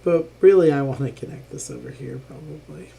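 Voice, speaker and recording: A streamer plays a board game live and thinks aloud casually, filling the talk with ums. The voice is mid-range, gravelly and mellow, a little fast, and a cough lingers from a recent illness.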